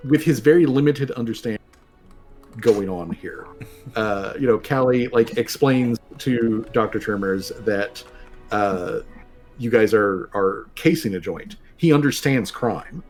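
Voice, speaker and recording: A man running a tabletop role-playing game as game master, narrating in a casual, halting and rambling way. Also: lowish voice, a little mellow. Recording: music playing behind the voice. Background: background music.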